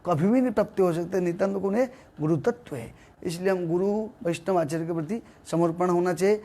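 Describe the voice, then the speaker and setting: Man preaching, pretty high voice, slips into slow chanted verses. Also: dark tone. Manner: chants slow verses between fast explanation. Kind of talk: devotional sermon with sung verses.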